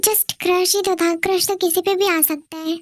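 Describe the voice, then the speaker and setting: A woman's voice: very high-pitched, steady tone, normal speed, dry recording, studio quality. A woman voicing a defensive young woman who answers her jealous boyfriend in an exasperated way.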